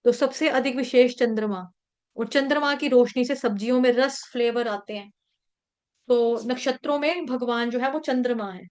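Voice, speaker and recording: High-pitched woman scripture teacher, storytelling class voice that breaks into slow chanted Sanskrit verses.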